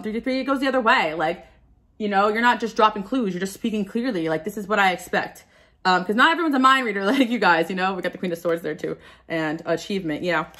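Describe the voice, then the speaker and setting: A woman's voice: mid-range voice, a bit bright. A woman giving a casual pick-a-card tarot reading, candid and confessional, who often stumbles over her words.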